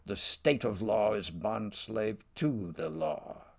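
A man reading the verse of a dying old nobleman who rebukes his king, in a measured reading voice. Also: on the low side, vocal fry, darkish tone, heavily acted. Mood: reproachful. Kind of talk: reading Shakespeare verse aloud.

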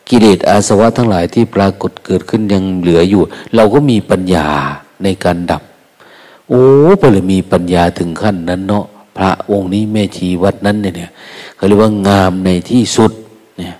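An older monk gives a gentle, unhurried Dharma talk with a low, warm voice. He speaks in a folksy way and drops in little quoted remarks. His voice carries a long reverb, as if he is in a large hall. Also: steady tone. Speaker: Buddhist monk.

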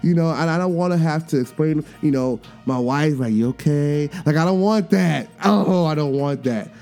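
A man in his thirties hosts a casual, candid podcast monologue, his voice sitting a little high with a mellow, soft tone. He tells stories animatedly, acting out little voices and laughing at himself along the way. Faint music plays behind him. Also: normal speed. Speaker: podcast host.

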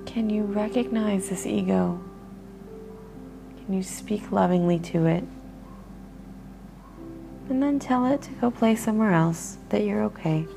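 A woman leading a guided meditation in a soft, soothing way, with breathy pauses. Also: mid-range voice, over music.

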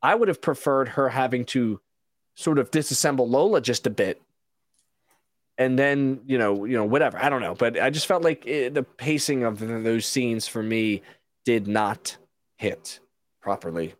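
A man's voice: medium pitch, normal speed, dry recording. Opinionated man hosting a review show. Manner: opinionated, rambling with restarts. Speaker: podcast host. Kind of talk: casual show review chat.

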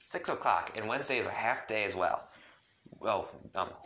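A man reading aloud and voicing a calm, quiet teenage girl who speaks softly and matter-of-factly. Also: fairly low pitch, moderate pace, echoey room, a little hiss or hum, low-quality recording.

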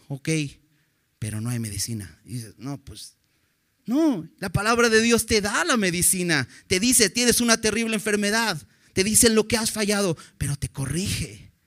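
Male preacher, fairly high voice, earnest and direct, keeps asking the congregation questions. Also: fairly bright tone. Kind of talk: sermon.

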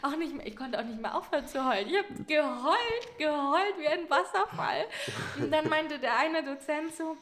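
Lively woman telling a story, laughing. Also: high-pitched, moderate pace. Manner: animated, laughs often while telling. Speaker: podcast guest. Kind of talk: casual storytelling chat.

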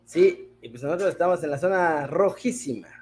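Male sports host, high voice, playful jokey banter with his correspondent. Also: lively intonation, a little fast, over a noisy crowd. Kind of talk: casual sports talk.

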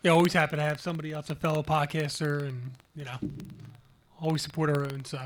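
A man's voice: a little high, level tone, fast. A man co-hosting a casual bar podcast, throwing in teasing, laughing interjections. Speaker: podcast co-host.

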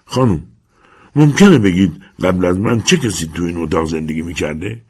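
A man playing a restless young man who asks earnest questions with restrained excitement. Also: sits low, breathy edge. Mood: eager.

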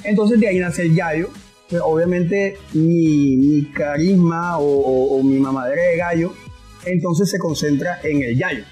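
Male interview guest, Colombian coastal accent, fairly high voice, informal and halting, music underneath. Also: a little mellow. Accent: Colombian Caribbean coast. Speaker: interview guest, online comedy creator. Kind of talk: casual interview chat.

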